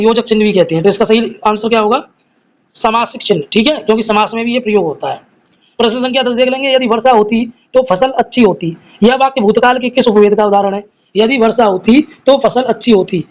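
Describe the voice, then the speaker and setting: High-voiced man teaching grammar. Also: poor audio. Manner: reads each question and options aloud, then explains the answer; addresses students fondly as children. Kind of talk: live exam-prep class solving quiz questions.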